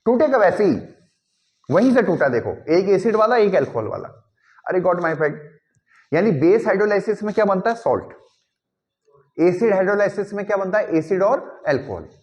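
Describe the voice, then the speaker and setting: A man's voice: high-pitched, sing-song, a little mellow. A male chemistry teacher lecturing a class, constantly checking whether students follow and slipping English phrases into his teaching. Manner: keeps checking understanding with quick repeated questions.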